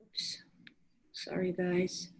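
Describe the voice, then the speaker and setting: A woman's voice: lowish voice, monotone, extremely slow, in a whisper, low-quality recording. A woman in her thirties who grew up in Germany, giving an online talk on parenting to fellow coaches, thoughtful, with frequent fillers and restarts. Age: 30s.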